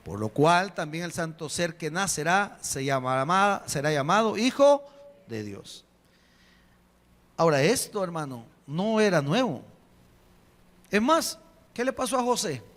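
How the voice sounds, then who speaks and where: A man, preaching a sermon as a pastor, emphatic, slowing on key phrases and putting rhetorical questions to the congregation. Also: fairly high pitch, big pitch swings, a bit bright. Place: church hall. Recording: long reverb of a church hall.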